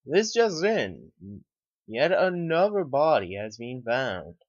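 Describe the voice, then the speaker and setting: A man voicing a male TV news anchor who gives a measured broadcast report. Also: mid-range voice, big pitch swings, no echo, pitched above the performer's own voice. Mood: formal. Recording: dry, slightly dull lo-fi.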